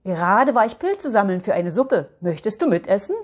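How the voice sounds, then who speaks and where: A woman voicing a kind elf man who guards the forest, speaking gently in a storybook reading, with a breathy voice. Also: medium pitch, big pitch swings, normal speed. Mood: gentle.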